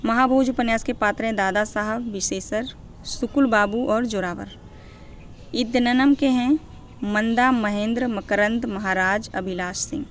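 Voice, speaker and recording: A woman's voice: fairly high pitch, fairly even intonation, unhurried, a little hiss or hum. A young woman teaching literature for exam preparation. She reads out long lists of character names, checks in with her students, and corrects herself as she goes. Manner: corrects herself mid-list. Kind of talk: exam-prep lecture.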